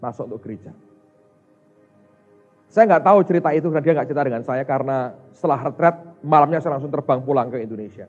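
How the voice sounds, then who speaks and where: A man's voice: mid-range voice, fast talker, breathy edge. A man preaching as a pastor, telling stories animatedly and speaking directly to the congregation. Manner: animated storytelling, addresses the congregation as "saudara". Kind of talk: sermon. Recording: dull recording with faint music.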